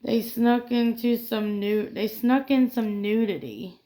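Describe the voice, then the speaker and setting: A woman's voice: on the high side, steady tone, slow pace, warm tone, rough recording. A woman co-hosting a casual pop culture chat, reading film trivia aloud and often stumbling over and correcting her words. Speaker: co-host.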